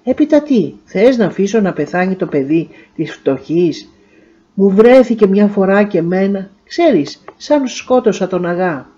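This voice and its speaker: A brave young captain speaks low and tenderly, as a woman reads him aloud. His warm, mellow tone stays soft and earnest. The recording sounds a little muffled. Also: expressive, breathy edge. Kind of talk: storybook reading.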